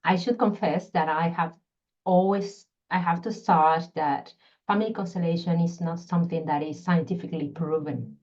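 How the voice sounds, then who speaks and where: On this dull-sounding podcast recording, a guest speaks with a lowish, darkish voice, fairly even intonation, and moderate pace. She is a middle-aged woman from Peru, both a scientist and a constellation facilitator, who describes her work thoughtfully in a Peruvian Spanish accent while frequently hunting for words.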